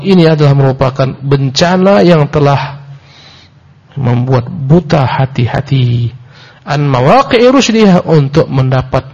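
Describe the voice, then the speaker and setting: A male preacher giving a sermon-style book lecture, reciting Arabic and explaining it in Indonesian, emphatic and repetitive, rising sharply for emphasis. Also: a little mellow. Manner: emphatic, rises sharply in pitch for emphasis, repeats phrases. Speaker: Islamic preacher. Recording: dull lo-fi lecture recording.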